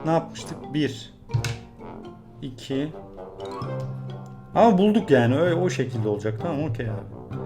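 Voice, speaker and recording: A man's voice: fairly high pitch, very animated, normal speed, long pauses, music in the background. A young man from Turkey chatting casually on his vlog as he works a puzzle, muttering and grumbling in mock frustration. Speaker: YouTuber solving a puzzle. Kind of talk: casual vlog chat while solving a puzzle.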